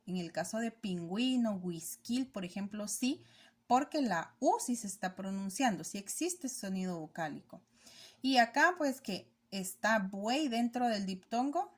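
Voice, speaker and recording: A woman teacher giving a recorded lesson, explaining step by step and often checking understanding with quick rhetorical questions. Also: mid-range voice.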